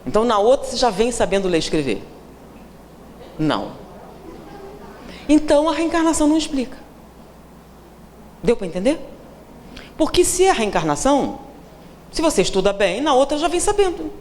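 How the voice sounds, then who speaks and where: Her voice on the high side and a little mellow, a Brazilian woman lectures at a seminar in a sing-song way at a moderate pace, pausing often. She has a Brazilian Portuguese accent, plays out the people she quotes and teases listeners with questions, recorded in a reverberant hall with faint room noise.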